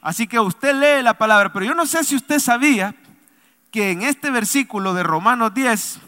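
A male pastor preaching a sermon, leading the congregation to answer him aloud and swinging between loud emphatic lines and soft low asides. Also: expressive, normal speed. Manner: preaching with call-and-response to the congregation. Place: church sanctuary. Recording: long reverb of a large hall.

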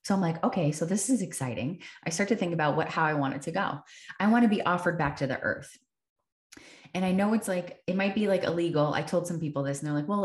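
A woman hosting a podcast, telling a personal story in an earnest, reflective way and repeating phrases for emphasis. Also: deep voice. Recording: echoey room.

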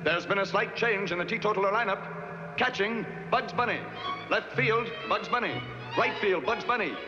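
A high-pitched cartoon stadium announcer calls out the line-up through a booming loudspeaker. His voice rings with a long hall echo and sounds dull and lo-fi. Loud music plays clearly under him. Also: normal speed. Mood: formal. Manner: formal, droning line-up calls. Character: adult male ballpark announcer in a cartoon. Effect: announced over a stadium loudspeaker.

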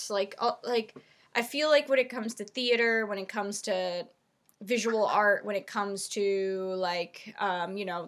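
A woman in her thirties co-hosts a casual podcast, rambling with plenty of "like" and "um." Her voice is medium-pitched with a sharp tone.

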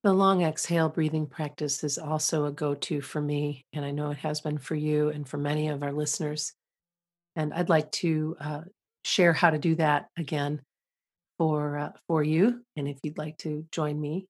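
A woman hosting a self-help podcast, talking calmly with a gentle, measured, soothing delivery. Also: deep voice, husky. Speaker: podcast host. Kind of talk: calm self-help podcast talk with guided breathing instruction.

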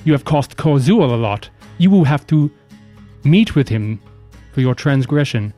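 Man playing an imperious, mellow dwarf overseer. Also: medium pitch, expressive, lightly acted. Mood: stern, accusing. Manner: deliberate, formal, sardonic. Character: imperious, accusing male dwarf overseer, suavely menacing. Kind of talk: tabletop role-play. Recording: music behind the voice.

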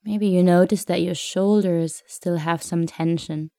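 A woman guiding a meditation in a soft, soothing, unhurried way, leaving long pauses between phrases. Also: fairly low pitch, steady tone, no echo, clean studio sound. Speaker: meditation guide. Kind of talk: guided meditation narration.

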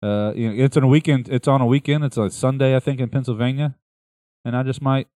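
A man co-hosting a casual music podcast, joking and teasing, with halting starts. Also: mid-range voice, steady tone, warm tone, no room sound, studio quality. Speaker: podcast co-host. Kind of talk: casual chat about music.

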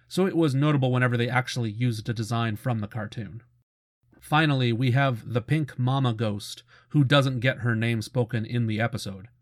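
Hosting a retrospective on cartoons, a middle-aged man talks in a casual, informative way, enthusiastic like a fan chatting with friends. His medium-pitched voice is captured in a close, dry recording with clean studio sound.

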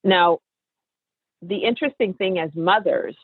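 A woman's voice: on the low side, measured pace, slightly rough, dry recording. Fifties woman hosting, emphatic coachy talk, thin phone-ish sound, dead dry. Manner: emphatic, coaching, addresses listeners directly. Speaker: podcast host and coach. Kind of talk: casual interview chat. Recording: tinny phone-like line, dry.

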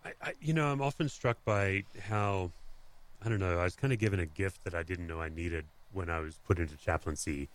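Candid Australian man, low voice. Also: fairly quick. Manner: candid, animated, many restarts. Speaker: pastor and podcast co-host. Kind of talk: conversational podcast talk.

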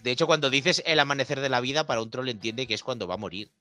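A man's voice: medium pitch, rapid-fire, bright, forceful tone, no room sound, soft background music. A man, a game master guest on a casual podcast who often chimes in with short agreements.

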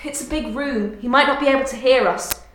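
A woman plays a no-nonsense research base woman in an audio drama. Her voice sits high, and she speaks briskly and firmly. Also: a little hiss or hum, lightly acted. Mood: brisk, exasperated.

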